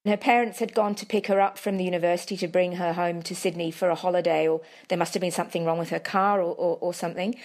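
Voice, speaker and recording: A woman, a friend being interviewed, telling stories in a relaxed, conversational way. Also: on the low side, quick pace, few pauses. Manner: conversational storytelling with fillers. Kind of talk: casual recollection.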